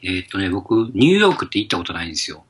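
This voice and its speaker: A man's voice: sits low, big pitch swings, racing, a bit bright, husky. A man co-hosting a casual talk show, easygoing and nudging the conversation along. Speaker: co-host. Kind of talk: casual chat.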